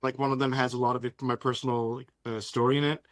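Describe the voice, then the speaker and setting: A Danish man, native in Danish, is interviewed as an author and talks casually and conversationally. His voice is average in pitch and a bit bright, with a flat, fast delivery, and the recording is very dry with no room sound.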